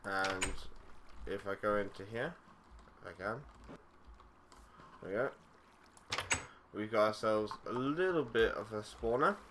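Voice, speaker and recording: A young man talks through his game in a loose, rambling way, full of fillers and restarts. His voice sits fairly low. Loud noise runs under the recording along with clicks from the game. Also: a little slow, pauses often. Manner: rambling, easygoing, frequent fillers and self-corrections. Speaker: gaming YouTuber. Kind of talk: casual let's-play commentary.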